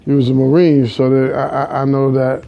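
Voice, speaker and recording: A man's voice: medium pitch, monotone, brisk, creaky. A man from Barbados conducts a casual interview and backs his guests up with frequent murmurs of agreement. The recording sounds slightly dull and lo-fi. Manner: affirming, lots of murmured agreement.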